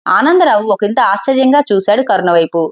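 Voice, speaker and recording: A woman storyteller narrating a scripted family story at a steady pace. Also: mid-range voice, a little fast.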